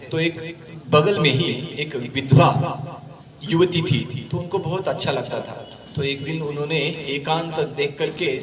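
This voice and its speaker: Animated male lecturer in an echoey hall. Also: on the high side. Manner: lively, conversational storytelling with asides to the audience. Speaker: spiritual speaker. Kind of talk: storytelling lecture. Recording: echoey room, distant mic, crowd. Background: audience.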